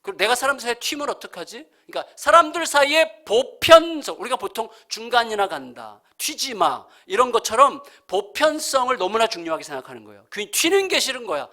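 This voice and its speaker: A man's voice: very high voice, fast, hardly any pauses. A male pastor in his fifties preaching a sermon, telling funny family stories and acting out the dialogue. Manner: humorous, animated storytelling with acted-out dialogue. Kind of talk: sermon with storytelling. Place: church sanctuary.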